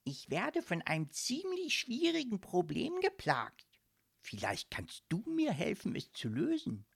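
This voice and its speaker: Cast a woman playing a vain, friendly storybook ghost man; breathy, unhurried, secretive. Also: low-pitched, wildly swooping pitch, fairly bright tone, full character voice. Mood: serious. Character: cheerful vain male ghost in striped pajamas.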